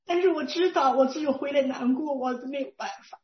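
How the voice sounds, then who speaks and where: A woman in her sixties with a Northeastern Mandarin accent shares a heartfelt religious testimony in a high, earnest voice. She talks with emotional fervor that swells as she speaks of prayer. The recording is dull and lo-fi. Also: fairly quick. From Northeast China. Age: 60s. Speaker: church member giving testimony.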